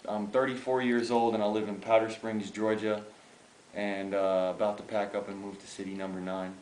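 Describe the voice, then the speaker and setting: A man's voice: fairly low pitch, level tone, moderate pace, a little mellow, reverberant, slight background noise, poor audio. A man in his thirties from the Bronx, a graffiti artist chatting in a casual interview, rambling with many fillers. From the Bronx, New York. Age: 30s. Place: outdoors.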